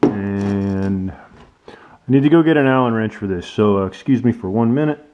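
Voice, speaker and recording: A man's voice: fairly low pitch, moderate pace. A man giving casual hands-on commentary in a workshop, thinking aloud informally as he works. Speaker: DIY car builder presenting his project. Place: workshop at a workbench and beside a truck. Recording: dull lo-fi audio with clear noise.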